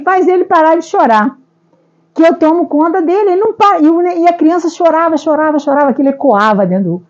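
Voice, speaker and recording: Brazilian woman, high mellow voice, emotional testimony full of repetitions and tag questions, muffled lo-fi sound. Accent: Brazilian Portuguese. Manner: rambling, repeats herself, frequent tag questions. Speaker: speaker sharing a personal testimony. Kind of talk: emotional first-person testimony.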